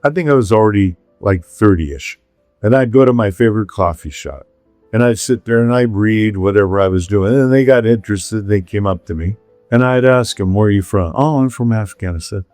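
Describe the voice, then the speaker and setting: A man's voice: fairly low pitch, fairly quick, darkish tone, no echo, faint music behind. A middle-aged man from California, hosting a casual chat and telling rambling stories with frequent laughs. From Pacific Palisades, California. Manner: rambling storyteller, laughs often. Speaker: podcast host.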